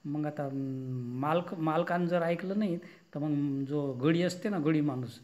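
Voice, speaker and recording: A man preaching a devotional story sermon, acting out the dialogue with lively asides to his listeners. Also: fairly high pitch, measured pace. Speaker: kirtan preacher.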